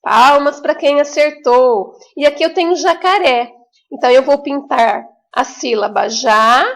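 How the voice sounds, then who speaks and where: A primary school teacher with a high voice and a Brazilian Portuguese accent gives a remote lesson to young children. She speaks slowly in a sing-song, encouraging way, drawing out her words.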